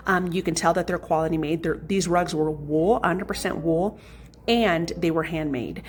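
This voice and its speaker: A woman home vlogger casually telling viewers a story, chatty and animated, often saying "y'all". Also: lowish voice, moderate pace, slight background noise.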